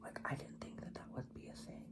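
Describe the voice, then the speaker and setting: A twenty-year-old man chatting in a whispered ASMR style while doing makeup, rambling casually and swearing often. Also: quick pace. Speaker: ASMR creator.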